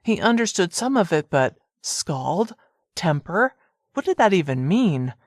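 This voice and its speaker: A narrator reading a romance audiobook in an even, measured storytelling manner. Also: female voice, lowish voice, dry recording, studio quality. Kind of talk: scripted narration.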